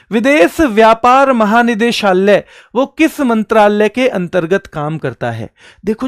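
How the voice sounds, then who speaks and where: A man's voice: high-pitched, no room sound, clean studio sound. A male exam coaching teacher giving an online exam-prep lecture, quizzing students and answering his own questions. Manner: quizzing students, calling them beta and bhaiya.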